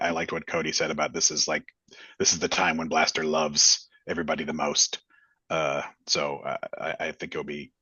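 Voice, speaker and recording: A man's voice: extremely low pitch, sharp tone, husky, no echo. A man chatting casually as a player in a tabletop game. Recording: dull, lo-fi voice track.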